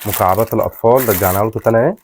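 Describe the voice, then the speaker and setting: Man, Egyptian accent, rapid casual sales patter, repetitive product walkthrough, clearly noisy recording with crinkling and clicks. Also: on the low side. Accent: Egyptian Arabic. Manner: repetitive, colloquial patter addressing customers. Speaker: shop seller, product presenter. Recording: clearly noisy, rustling and clicking handling sounds.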